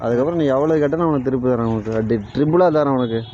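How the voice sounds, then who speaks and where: A man's voice: mid-range voice, very fast, warm tone, highs cut off, a little hiss or hum. A young man with a Tamil Nadu village accent in a casual comedy skit, talking in a coaxing, persuasive way.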